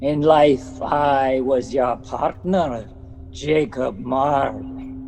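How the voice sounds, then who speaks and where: A solemn dead man's ghost in an audio drama. He speaks extremely slowly and gravely at a middling pitch, every word drawn out. There is clear background noise around the voice. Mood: solemn, ominous. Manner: slow, grave, drawn-out delivery. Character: solemn male ghost of a dead business partner. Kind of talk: audio play acting.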